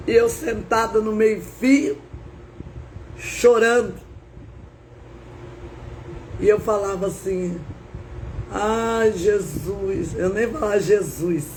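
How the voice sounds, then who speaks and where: A woman's voice: medium pitch, a little hiss or hum, poor audio. A woman preacher telling her testimony in an emotional, dramatic way, often breaking in with praise to God. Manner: dramatic, repeats praise phrases. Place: live stream.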